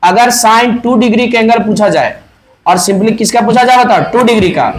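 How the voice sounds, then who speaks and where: A man with a Hindi accent teaching physics to a class, firing questions and loudly prompting his students to answer in chorus. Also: high-pitched, normal speed. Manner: quizzing students, prompting answers, loud emphatic calls. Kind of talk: classroom lecture with call-and-response. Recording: noisy classroom with crowd.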